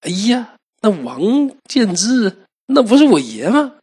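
A man voicing an excitable, naive poor young man who exclaims in a raised voice in a storybook tale. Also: normal speed, breathy edge, exaggerated voice. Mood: excited. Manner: exclaiming, high-pitched.

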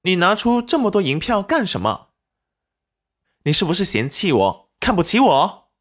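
A high, shrill young wife who flares up fast and accuses everyone around her, as a male storyteller puts her on. Her lines jump sharply upward and come out loud and pointed in an audiobook reading. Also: huge pitch swings, breathy edge, heavily acted. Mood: indignant. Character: young wife, pregnant, quick-tempered and suspicious.

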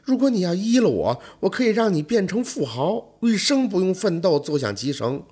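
A man's voice: high voice, big pitch swings, normal speed, darkish tone, breathy edge, voice pushed up, full character voice. A man putting on a teasing young fox spirit woman. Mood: coaxing. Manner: coaxing, teasing, later spiteful. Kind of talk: storytelling role voice.

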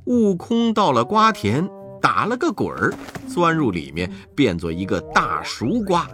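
A man narrating a children's story in a slow, expressive storytelling manner. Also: a little high, faint music behind.

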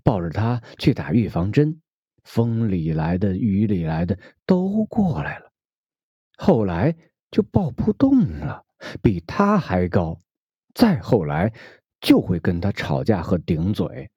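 A man reading a prose essay aloud slowly and expressively, recorded dull and dry. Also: lowish voice, slightly rough, dry recording. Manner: slow, heavily expressive reading. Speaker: reader.

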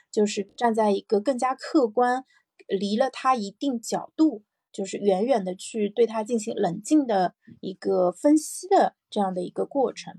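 A woman's voice: mid-range voice, mellow, breathy edge, dry recording, studio quality. A woman hosting a personal morning audio show, talking casually and reflectively, thinking aloud with repeated phrases and little check-in questions. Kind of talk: casual reflective solo podcast talk.

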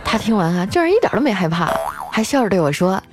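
A woman hosts a comic storytelling show in a radio-style way, chatty and playful, drawing out the ends of her sentences. Her medium-pitched voice moves quickly with big pitch swings, over crowd noise and faint background music.

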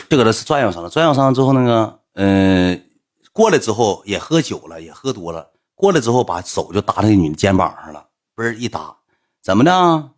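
A man, telling a story in a chatty, colloquial way. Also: on the low side. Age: 20s. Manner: chatty, colloquial, recounts with acted-out quotes. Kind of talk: casual spoken storytelling.

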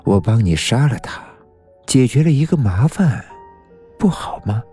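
A man voicing a demonic double of the narrator, a cold, tempting young man who speaks in a low coaxing murmur, in a storybook reading. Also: very animated, measured pace, mellow, husky, faint music behind. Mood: scolding. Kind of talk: audiobook narration with acted voices.

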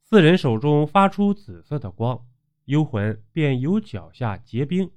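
A man's voice: on the high side, a little slow. A man narrating a dramatic ghost story, acting out the characters' voices as he goes. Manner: animated storytelling with acted voices.

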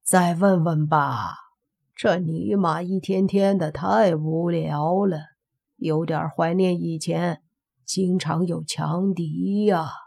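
A woman's voice: lowish voice, steady tone, slow pace, vocal fry, darkish tone, breathy edge, full character voice. A woman voicing a bored, listless young man craving action, with languid, sighing talk.

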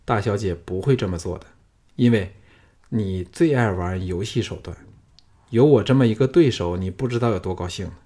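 A man with a husky voice reading a cool, self-assured male swordsman hero in an audiobook, speaking low and measured. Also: natural voice. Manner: calm, low, measured speech. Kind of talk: audiobook character voice.

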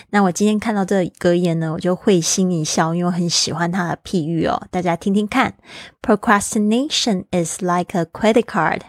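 A woman's voice: medium pitch, dry recording. Patient woman podcast teacher, dry sound. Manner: patient explaining, slowing down to spell out example phrases. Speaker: podcast host and English teacher. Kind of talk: language-lesson podcast.

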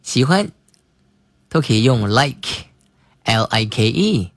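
Calm male teacher who drills English vocabulary by repeating it, in a dry booth. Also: medium pitch, dry recording. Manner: spells words letter by letter and repeats phrases slowly. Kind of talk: slow vocabulary lesson.

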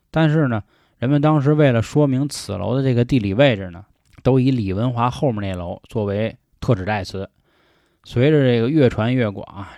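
A man's voice: medium pitch, darkish tone, dry recording, studio quality. Chatty male storyteller. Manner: chatty, folksy asides to listeners. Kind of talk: casual ghost-story narration.

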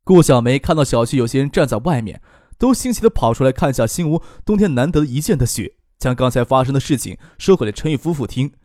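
Guy reading a novel out loud, lively swoopy pitch, warm darkish voice, dry mic. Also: fast talker, no echo. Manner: voices women and girls in a softer, higher register. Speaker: narrator. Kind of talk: audiobook narration with character voices.

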